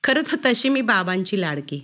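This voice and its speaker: A woman reading her own story aloud in an expressive first-person narration. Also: mid-range voice, normal speed.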